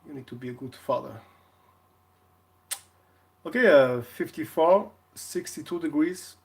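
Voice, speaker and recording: A man's voice: on the high side, measured pace, vocal fry. A man chatting casually on a live stream, rambling through anecdotes and laughing often.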